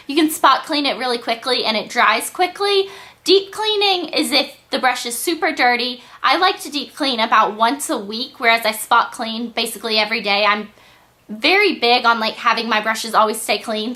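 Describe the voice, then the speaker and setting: Congested young woman with a bright voice. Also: on the high side. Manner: chatty, apologetic, frequent ums. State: congested, stuffy nose. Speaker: beauty vlogger. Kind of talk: casual tutorial chat.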